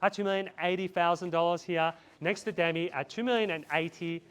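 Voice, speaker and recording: A man's voice: sits high, fairly even intonation, a little fast, a bit bright, clean tone. A man calling a live property auction outdoors, repeating bid figures in a chant and urging buyers on. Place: outdoors in a residential street.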